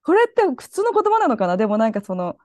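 A woman's voice: a little high, fast talker, no echo, studio quality. A woman co-hosting a travel podcast, chatting casually and telling stories with lots of giggles. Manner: giggly, animated storytelling. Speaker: podcast co-host. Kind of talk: casual chat.

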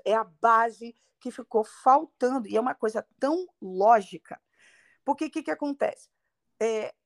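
A woman English teacher talks through her ideas with energy and emphasis. Her voice sits fairly high and she stresses key words as she explains. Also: gravelly. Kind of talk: conversational interview.

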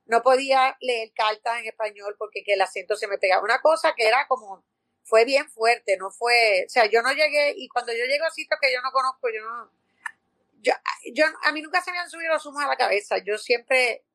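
This chatty actress from Puerto Rico speaks with a Puerto Rican Spanish accent as an interview guest, her fairly high female voice moving briskly with no echo. She tells stories animatedly, with plenty of fillers and false starts, in a conversational exchange.

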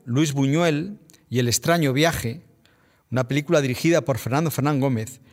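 A man with a Spanish accent hosting a podcast, reading a scripted narration in a measured, reflective way. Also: a little high. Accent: Spain Spanish. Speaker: podcast host.

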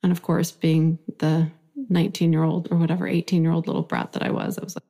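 Speaking quickly in a flat, creaky manner, this woman has a low-pitched, dark voice. She is a guest in her forties from Iran whose first language is Farsi, looking back on her life during a conversational interview.

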